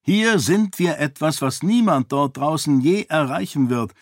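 An earnest young prince pleads and persuades, as a man reading the book voices him. His voice lifts higher as he argues. The sound is dry and close. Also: expressive, unhurried, no echo. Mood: urgent persuasion.

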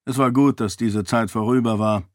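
A man reading a fantasy audiobook in a measured, clear storytelling manner. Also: mid-range voice, steady tone, no room sound, clean studio sound. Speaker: audiobook narrator. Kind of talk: scripted fantasy narration.

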